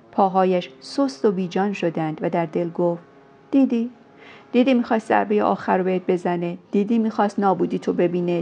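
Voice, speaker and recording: A woman reads a romance novel aloud in a measured, storytelling way. Her voice carries a gravelly texture. The recording sounds dull and lo-fi. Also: on the low side, darkish tone. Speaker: audiobook narrator. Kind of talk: scripted novel narration.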